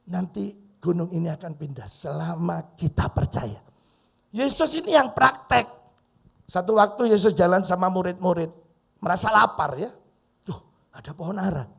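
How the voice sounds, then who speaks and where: A middle-aged man preaching a lively sermon as pastor, with sudden loud bursts and voiced quotes. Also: sits high, gravelly. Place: church hall.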